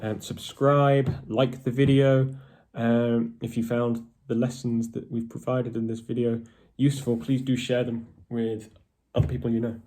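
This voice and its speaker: A man's voice: medium pitch, little pitch movement, measured pace, mellow. Voiced man rambling to fans. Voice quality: posh-sounding voice. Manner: rambling, with many ums and restarts. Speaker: metal band member. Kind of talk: casual video update to fans.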